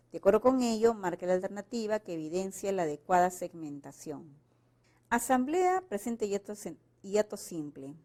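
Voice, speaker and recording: A woman's voice: mid-range voice, mellow. A woman teacher from Peru, working through exam questions and reading the example sentences aloud with marked intonation. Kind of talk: explaining exam answers.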